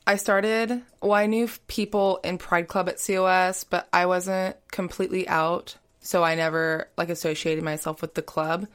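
A young woman with a smooth, clear voice pitched on the low side chats casually as a podcast guest. She talks in a loose, rambling way, leaning on "like" and "you know" as she goes. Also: steady tone, normal speed, hardly any pauses. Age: young adult. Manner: chatty, heavy on "like" and "you know". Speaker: guest, college student. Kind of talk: casual interview talk.

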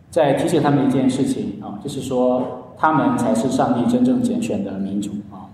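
A man's voice: mid-range voice, mellow, a little hiss or hum. A man preaching a sermon in earnest storytelling style, often stretching his sentence endings. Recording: echoey hall, heard from a distance.

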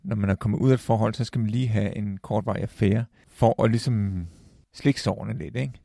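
A man with a gravelly voice in a casual film talk, halting with restarts and fillers as he retells scenes. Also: on the low side, mellow, no room sound, studio quality.

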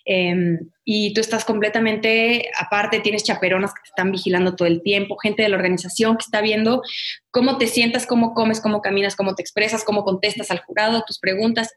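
Woman, thirties, interview guest, lively storyteller. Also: medium pitch. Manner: animated storyteller, acts out quotes. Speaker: guest, former pageant winner. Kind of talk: casual interview conversation.

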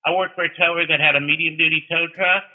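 A man's voice: a little high, fairly even intonation, quick pace. A man explaining technical matters casually in a folksy storytelling way, like an experienced instructor. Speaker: towing instructor and guest. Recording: thin, narrow-band phone-like line.

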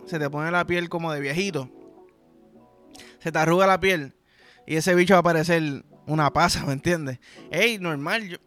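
A man's voice: a little high, a bit bright. A young man with a Puerto Rican accent, hosting a podcast in a crude, rambling comedic monologue full of slang. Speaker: podcast host.

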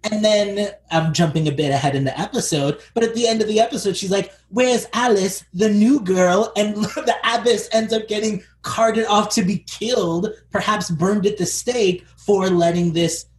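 A man's voice: high-pitched, normal speed, few pauses. A man co-hosting a casual podcast chat about a TV show, thoughtful and rambling with fillers. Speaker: podcast co-host. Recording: echoey room with faint noise.

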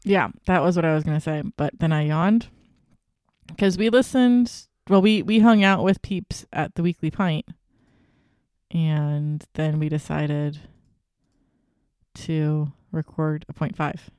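A podcast co-host in casual beer-tasting chat, chatty and playful, with quick asides. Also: medium pitch, a little mellow, smooth, no echo, clean studio sound.

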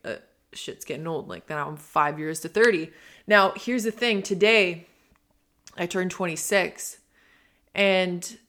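A woman's voice: on the low side, a bit bright. Reflective young woman podcaster. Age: 20s. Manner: reflective, earnest, rambling with fillers. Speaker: podcast host. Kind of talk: casual solo podcast monologue.

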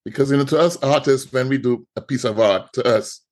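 A middle-aged man from Trinidad and Tobago, a guest artist, tells his story on a podcast in a Trinidadian accent. His voice is medium in pitch, a little fast and slightly mellow, and he often repeats words as he talks.

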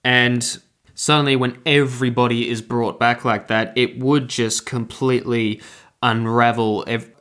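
A young man talks through a TV episode in a casual, unscripted way, circling back and correcting himself mid-sentence. His voice sits at an ordinary middle pitch for a man, and his tone is relaxed and conversational. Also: measured pace. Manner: rambling, self-correcting, chatty. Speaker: TV reviewer. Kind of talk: casual spoken review.

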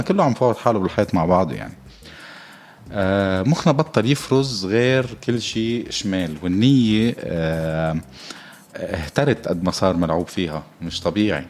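A man with a Lebanese accent hosting a casual comic monologue, joking and rambling with lots of halting fillers. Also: lowish voice, darkish tone. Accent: Lebanese Arabic. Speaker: podcast host.

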